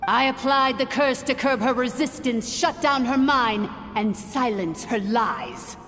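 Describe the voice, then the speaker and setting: A woman's voice: fairly high pitch, animated, a little slow, a bit bright. A woman playing an arrogant, cruel dragon lord in a video game, speaking in a grandiose, contemptuous way. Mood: cold. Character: arrogant, cruel female almighty dragon lord, scornful villain. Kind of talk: theatrical video game villain acting. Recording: long echoing reverb, background noise.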